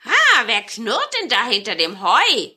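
A woman's voice: a little high, huge pitch swings, a little slow, bright, forceful tone, exaggerated voice. A woman voicing a sly, wicked male stone marten in a children's fairy tale, with a gloating, growling manner. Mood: suspicious.

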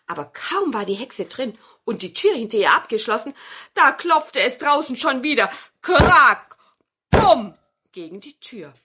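Bright, lively woman telling a fairy tale. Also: on the high side, moderate pace, breathy edge. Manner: expressive, with sound effects. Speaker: storyteller. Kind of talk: fairy tale reading for children.

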